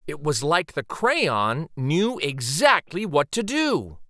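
A man reading a children's story aloud dramatically, with theatrical, suspenseful pauses. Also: fairly high pitch, very animated, a bit bright, dry recording, clean studio sound.

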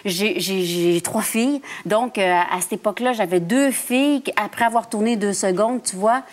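A woman's voice: medium pitch, normal speed. A woman, an actress guest speaking thoughtfully in an interview and searching for her words. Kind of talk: reflective interview talk.

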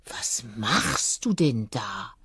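A woman's voice: a bass voice, sing-song, extremely slow, a bit bright, breathy edge, no room sound, clean studio sound, voice pushed down, heavily acted. A woman voicing a grumpy, easily offended male fox who grumbles indignantly in a storybook reading. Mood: grumbling.

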